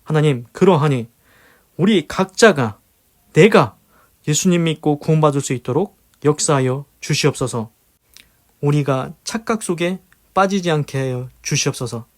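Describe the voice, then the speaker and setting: A man's voice: fairly high pitch, lively intonation, moderate pace. A man giving a devotional Bible commentary, earnest and emphatic, moving between teaching and spoken prayer and repeating his key phrases. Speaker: preacher leading a daily devotional.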